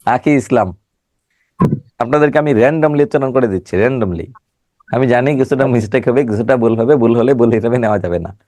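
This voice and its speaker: Joking teacher with a cold. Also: male voice, medium pitch, normal speed, darkish tone, no room sound. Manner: joking, scolding students by name. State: has a cold. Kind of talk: online class lecture with teasing banter.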